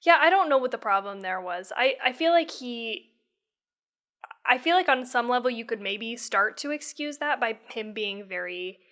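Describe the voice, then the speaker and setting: A woman co-hosting a podcast, talking casually with halting restarts and frequent swearing. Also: on the high side, lively intonation, a bit bright. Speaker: podcast co-host. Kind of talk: casual chat about a horror film.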